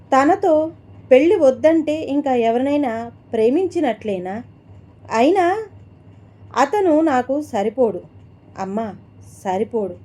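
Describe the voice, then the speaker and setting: An upset young daughter pleads and pushes back against her mother in a spoken story, as the narrator voices her. The voice is high-pitched and soft-toned. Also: expressive, slow pace, pauses often, heavily acted. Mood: defensive. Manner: pleading, defensive.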